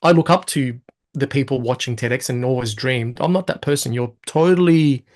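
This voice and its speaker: In a casual interview, a man in his thirties chats as a guest, his voice at an everyday middle pitch. He tells his story with energy, slipping into quick, lively asides where he quotes what he was thinking at the time.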